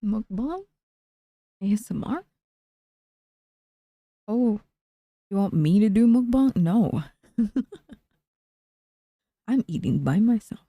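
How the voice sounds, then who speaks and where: A woman streamer chatting casually with her live chat in a soft, low-key way. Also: lively intonation, slow pace, long pauses, dry recording.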